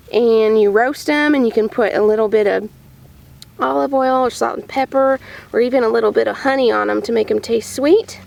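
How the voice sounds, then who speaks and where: Her pitch fairly high, her voice creaky and a little mellow, a woman farmer narrates a cheerful show-and-tell for preschoolers in plain words while touring the growing tunnels and outdoor beds of a vegetable farm.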